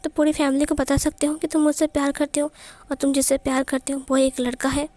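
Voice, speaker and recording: A woman's voice: high voice, level tone, fast, darkish tone, dry recording, lightly acted. A woman voicing a tearful young man who stammers and sobs in whispers.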